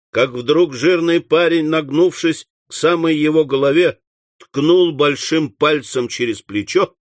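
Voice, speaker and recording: A male audiobook narrator telling a classic comic novel in measured, even storytelling. His voice sits a bit higher than most men's. The recording is dry and close, with no room sound. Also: no room sound. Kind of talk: scripted literary narration.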